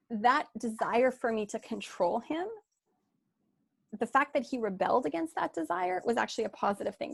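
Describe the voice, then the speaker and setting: A woman's voice: a little high, gravelly, husky, no echo, clean studio sound. A woman life coach giving a candid online workshop talk, telling her story with many "you know"s and "like"s over a video call.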